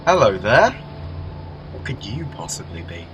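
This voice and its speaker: A man playing the Doctor, an excitable, caring and inquisitive time traveller, in a fan audio drama. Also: lowish voice, unhurried, faint music behind, poor audio. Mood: curious, musing.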